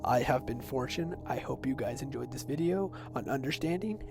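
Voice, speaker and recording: Speaking at a moderate pace in a creaky, medium-pitched voice, a young man in his teens to early adulthood narrates a video essay. His explanation is semi-scripted, casual and personal, and background music accompanies it.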